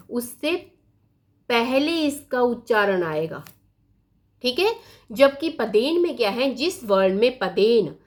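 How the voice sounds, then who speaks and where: Slow, patient woman teaching grammar. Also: fairly high pitch. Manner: patient, spells out sounds one by one. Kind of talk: slow blackboard lesson.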